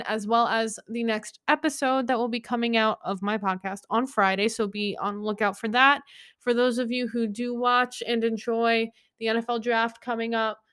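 A woman's voice: fairly high pitch, fairly bright tone, smooth. A woman in her twenties hosting a solo podcast, rambling through opinions in a chatty, candid way with lots of fillers. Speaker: podcast host.

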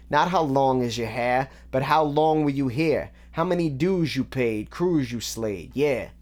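A man's voice: fairly high pitch, a little mellow. A man giving a casual, methodical breakdown of rap lyrics, with frequent ums and restarts. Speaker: music reaction host.

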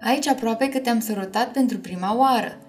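A protective young prince speaks softly and calmly, as a woman reads his lines in her usual voice. He sounds steady and kind. Faint music plays behind. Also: on the high side, natural voice. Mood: gentle. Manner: gentle, calm.

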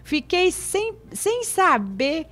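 A woman's voice: extremely high pitch, very animated, drawn-out words, a bit bright. A woman, a guest on a talk show, reading a regional text aloud with some hesitation. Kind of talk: casual chat and reading a text.

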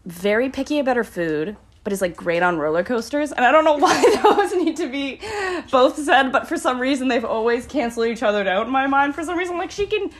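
A woman's voice: high-pitched, lively intonation, fairly quick, hardly any pauses. A young woman hosting a podcast in casual chat, rambling and swearing, often giggling as she introduces friends. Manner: giggly, breaks into laughter often. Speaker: podcast host.

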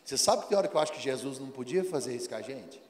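A man's voice: mid-range voice, lively intonation, very fast, a little mellow. A man preaching a sermon, acting out dialogue and firing rhetorical questions at the congregation. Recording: long hall reverb.

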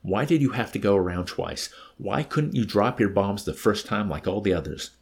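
A man's voice: lowish voice, lively intonation, moderate pace, creaky, breathy edge, exaggerated voice. A man reading aloud and voicing a flustered, anxious male air force colonel who frets and snaps. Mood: exasperated.

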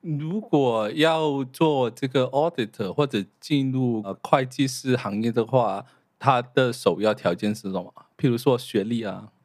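A man's voice: mid-range voice, a little slow, darkish tone, dry recording, studio quality. A man hosting a podcast, asking questions in a casual conversational way and mixing English words into his speech. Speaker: podcast host. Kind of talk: casual interviewing.

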